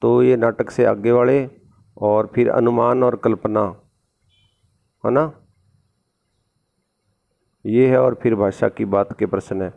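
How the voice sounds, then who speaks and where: A man's voice: mid-range voice, fairly even intonation, slow pace, creaky, pauses often. A man teaching a recorded school lesson with a sore throat, explaining patiently and repeating tag questions. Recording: dull lo-fi recording.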